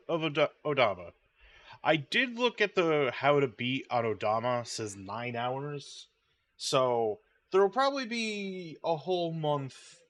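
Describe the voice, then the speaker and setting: A man's voice: medium pitch, a bit bright. A man chatting casually while streaming a game, sleepy and rambling, humming idly while he waits. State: sleepy, yawning. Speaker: gaming streamer.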